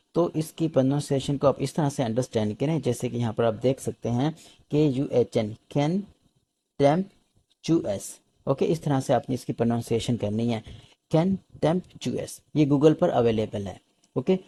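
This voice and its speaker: Pakistani male teacher, husky and mellow. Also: mid-range voice. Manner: reads English phrases slowly, then explains them in Urdu. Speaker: English teacher. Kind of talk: vocabulary lesson explaining newspaper English.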